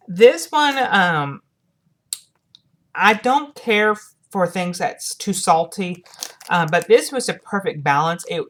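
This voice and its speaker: Lady with a deep-ish low voice doing a casual review video, kinda halting, keeps rephrasing stuff. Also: a bit bright, slight background noise. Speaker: product reviewer making videos for viewers. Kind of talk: casual product review to camera.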